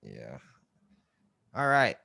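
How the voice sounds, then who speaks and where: Low-voiced guy joking around on a podcast, swears a lot, dry close sound. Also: huge pitch swings, drawn-out words, vocal fry, no echo. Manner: joking, swears often, loud mock outbursts. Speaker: podcast co-host. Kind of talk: casual comedic chat.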